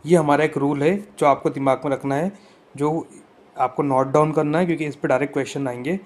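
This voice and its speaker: A man's voice: fairly high pitch, fairly even intonation, fairly quick, darkish tone. A man teaching an exam-prep grammar lesson, explaining rules step by step and often checking that his students follow.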